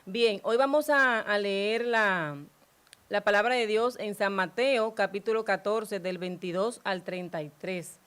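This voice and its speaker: A woman hosting a religious program, reading scripture aloud in a slow, devotional way and then asking the priest about it. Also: mid-range voice, fairly bright tone, clear, resonant tone. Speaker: host.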